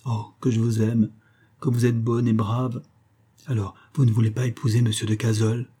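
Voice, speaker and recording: Un homme lisant à voix haute incarne un jeune séducteur calculateur qui presse et persuade avec insistance. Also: male voice, mid-range voice, little pitch movement, moderate pace, mellow, slightly rough, lightly acted. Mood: conspiratorial. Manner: insistent and coaxing.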